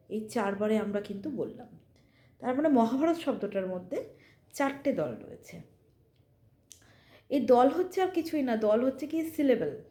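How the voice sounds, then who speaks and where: A woman's voice: on the high side, dark tone, reverberant. A woman teacher giving a casual classroom lesson, drawing out example words as she explains. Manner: conversational, drawn-out example words.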